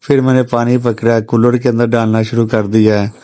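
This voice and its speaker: A man's voice: mid-range voice, flat delivery, normal speed, warm tone, no echo. A man narrating a family vlog as a father, plainly recounting the day's events step by step. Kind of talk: voice-over storytelling.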